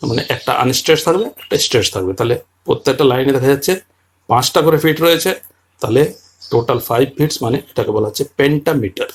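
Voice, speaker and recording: A man teaching a poem in detail, patiently explaining its structure and slowly reading quoted lines aloud. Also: medium pitch, animated, slight background noise. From Bengal region.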